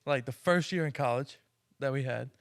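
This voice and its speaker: A man's voice: mid-range voice, normal speed, no room sound, clean studio sound. A young man co-hosting a casual podcast, eager and jumpy as he sets up a story. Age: young adult. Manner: eager, jumpy, keeps saying hear me out. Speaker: podcast co-host. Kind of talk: casual chat.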